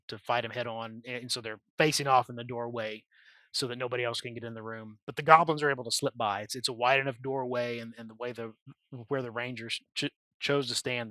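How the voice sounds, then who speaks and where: Bright-voiced man recapping a tabletop game. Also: medium pitch, dry recording. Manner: rambling, conversational storytelling. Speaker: game master. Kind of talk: recounting a tabletop game session.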